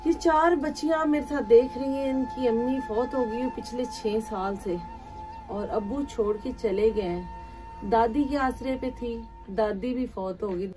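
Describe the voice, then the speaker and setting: A woman hosting an emotional charity vlog, speaking gently and coaxingly as she talks to camera and to young children. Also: fairly high pitch, a little slow. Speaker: charity vlogger. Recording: music playing underneath.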